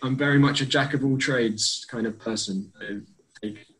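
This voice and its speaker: Young guy on a video call, lots of ums, kinda hesitant, middle pitch. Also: moderate pace, a bit bright, poor audio. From London. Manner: hesitant, with many ums and self-corrections. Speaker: group member. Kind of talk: casual self-introduction in an online group meeting.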